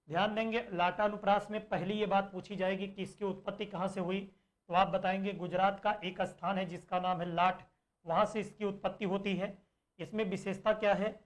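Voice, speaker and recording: A male teacher giving an online exam-prep lesson, explaining slowly, repeating points and asking and answering his own questions. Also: high-pitched.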